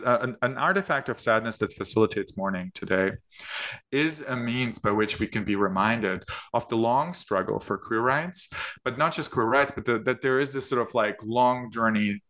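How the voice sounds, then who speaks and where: Guy w a lowish voice, scholar talking about his book, hedgy academic way of putting things. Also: fairly bright tone. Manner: thoughtful, hedging academic phrasing. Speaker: author and queer studies scholar. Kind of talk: academic interview talk.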